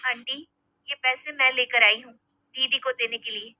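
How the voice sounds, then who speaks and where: Brief: woman voicing a feisty cartoon sister, high and earnest. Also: fairly even intonation, normal speed, bright, forceful tone. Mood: indignant. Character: outspoken young woman, protective sister.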